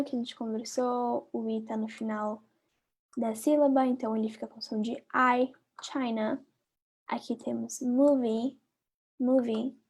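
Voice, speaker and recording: A woman with a Brazilian Portuguese accent teaching a live online English lesson. She repeats each word slowly and talks directly to her viewers. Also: on the high side, darkish tone. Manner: patient, drills words by repeating them slowly, chatty asides to viewers.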